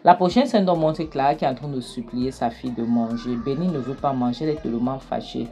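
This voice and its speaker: A woman's voice: very deep voice, fast, mellow, a little hiss or hum. A woman casually narrating a film recap, retelling scenes with fillers and restarts. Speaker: movie recap host.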